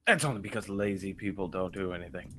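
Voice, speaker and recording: A man playing a tabletop game, playful and quick to jump into character. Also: low-pitched, sharp tone. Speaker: player. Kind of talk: casual tabletop play.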